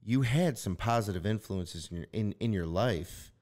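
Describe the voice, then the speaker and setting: A man's voice: on the low side, expressive, normal speed, a little mellow. A man hosting a podcast in a studio, talking in a loose, reflective way with lots of fillers. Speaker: podcast host. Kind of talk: casual chat.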